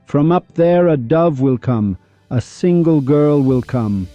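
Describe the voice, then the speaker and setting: A man's voice: a little high, expressive, takes it slowly, dark tone, dry recording, soft background music. A man acting out a jeering crowd of townsfolk who mock and insist. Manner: mocking, insistent. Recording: slightly dull lo-fi recording.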